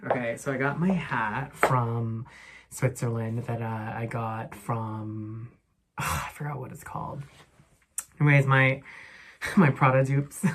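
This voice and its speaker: A woman's voice: very deep voice, vocal fry, slight background noise. A woman travel vlogger chatting casually to a handheld camera, rambling with lots of fillers, while walking through city streets and in a hotel room. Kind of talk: casual vlog chat to camera.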